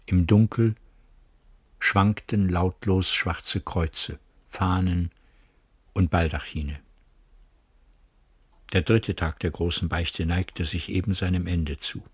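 A man narrates a literary radio drama in a measured, grave storytelling manner. His voice is low and husky. The recording is dry and close, with no room around it. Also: steady tone, dry recording.

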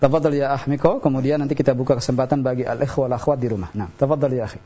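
A man teaching Arabic on a radio lesson, slowly modelling pronunciation and explaining in a measured way. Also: mid-range voice, steady tone, dark tone, breathy edge. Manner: slow, deliberate model pronunciation. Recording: dull lo-fi radio broadcast.

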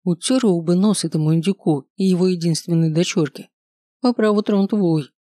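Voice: medium pitch, normal speed, dark tone, no room sound, clean studio sound, close to an everyday voice. A reader voicing a young man who jokes and mocks his sister in an audiobook. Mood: teasing. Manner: joking, mocking. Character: teasing young man, the narrator's brother.

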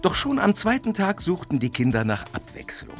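A man's voice: high voice, sing-song, moderate pace, soft background music. A man narrating a scripted children's adventure audio drama.

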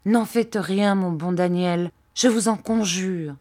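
A woman reading aloud, voicing an aging widow who begs with emotion to be taken along, in a slow audiobook delivery. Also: fairly low pitch, warm tone. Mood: pleading. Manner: imploring, emotional. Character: pleading aging widow, tearful and devoted.

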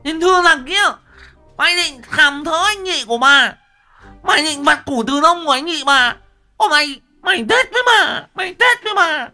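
A man's voice: extremely high pitch, expressive, normal speed, pushed and bright, soft background music, voice pushed up, heavily acted. A man voicing a furious jealous woman who screams curses while swinging a hammer, in a storytelling reading. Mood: furious screeching. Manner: screeching, furious, cursing.

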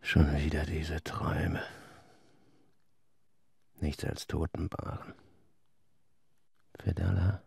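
A very slow, deeply creaking old sea captain, brooding and obsessed. His whispery radio drama delivery sits over music. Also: steady tone, darkish tone, exaggerated voice. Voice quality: gravelly, whispery.

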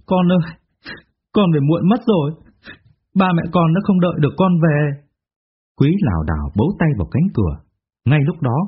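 Brief: male narrator, expressive storytelling, husky voice, tinny phone-like audio. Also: mid-range voice.

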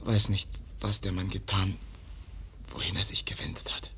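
A man with a low voice plays Kaspar, a stabbed young man in a radio play, using completely flat delivery at normal speed with a pushed, bright quality. Weak and halting from the wound, the character whispers breathily in broken, clipped sentences, his mood weak and faltering.

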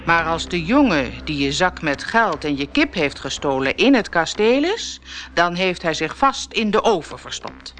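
A woman voicing the giant's calm, sensible wife in a storybook, speaking reasonably, with music playing behind. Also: fairly low pitch, normal speed. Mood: soothing.

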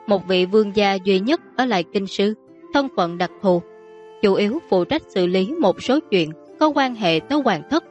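A woman narrating a story in a steady, even manner. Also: medium pitch, highs cut off. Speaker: audiobook narrator. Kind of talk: scripted narration.

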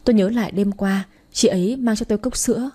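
A woman's voice: medium pitch, quick pace, warm tone. A woman narrating a dramatic story in the first and third person, voicing all the characters herself.

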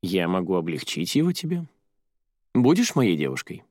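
Friendly young student lead, read by a man, low and dry. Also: huge pitch swings, normal speed, darkish tone, dry recording, heavily acted. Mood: easygoing.

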